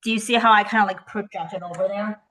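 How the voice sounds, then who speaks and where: A woman math teacher talks through a worksheet one step at a time, estimating aloud and often pausing to ask "right?" Her voice is bright and forward, in a middle register for a woman. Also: medium pitch, fairly even intonation, rough recording. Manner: tentative, thinks aloud while estimating.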